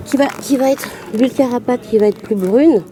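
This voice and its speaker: A woman's voice: on the high side, fairly quick, dark tone, slight background noise. A woman vlogging casually on holiday, explaining things in a chatty way while filming with a handheld camera outdoors. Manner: chatty, explains while walking, laughs often. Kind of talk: casual travel vlog.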